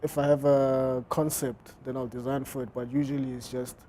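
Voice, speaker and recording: Speaking at a moderate pace in a mellow, level mid-range voice, this man fields interview questions about his fashion brand as a guest. His answers stumble with frequent fillers and restarts.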